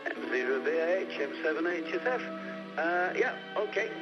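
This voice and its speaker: A man's voice: fairly high pitch, animated, normal speed. A man chatting over a ham radio link, rambling and friendly with many fillers. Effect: heard over a ham radio receiver. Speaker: amateur radio operator. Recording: muffled radio audio with music.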